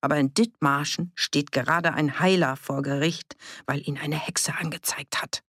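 A reader voicing an anxious village man who talks low and hushed, sometimes whispering. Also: fairly even intonation, moderate pace, no room sound, clean studio sound, natural voice.

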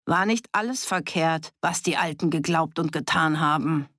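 A woman's voice: low voice, normal speed, a bit bright, dry recording, clean studio sound. A woman voicing a sly male village troublemaker who speaks scornfully and provokes. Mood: provoking.

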